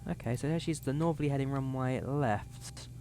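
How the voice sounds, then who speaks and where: Gravelly and dark in tone, this young man's mid-range voice moves at a moderate pace with slight background noise and a slightly worn quality. He offers casual live commentary as he sets up a flight sim cockpit, reading codes and numbers to viewers.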